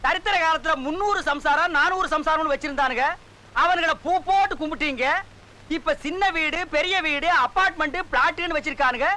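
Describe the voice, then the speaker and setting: An actor playing a loud, scornful middle-aged village sorcerer-priest in a film comedy, scolding and insulting. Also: male voice, extremely high pitch, fairly quick, heavily acted. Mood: ranting. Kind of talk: 1990s film comedy dialogue.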